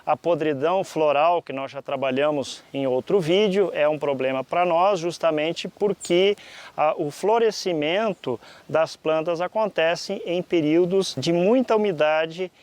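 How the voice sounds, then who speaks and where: A man from southern Brazil with a southern Brazilian accent, presenting an explanatory lesson to viewers in a didactic, deliberate way with frequent pauses mid-sentence. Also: on the high side, darkish tone. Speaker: presenter of a fruit-growing lesson.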